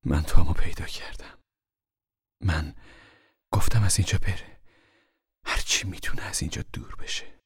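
A man voicing a calm, wise mother who speaks softly and reassuringly, almost in a whisper, in an audiobook. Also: deep voice, pauses often, breathy edge, no room sound, clean studio sound, exaggerated voice. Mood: gentle, reassuring. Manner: soft, soothing, half-whispered. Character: calm, wise, steady mother of a poor family. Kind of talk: audiobook character reading.

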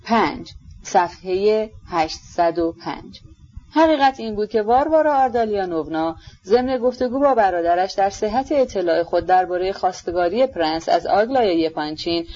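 A woman narrating a literary audiobook in a measured, even way. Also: mid-range voice, highs cut off.

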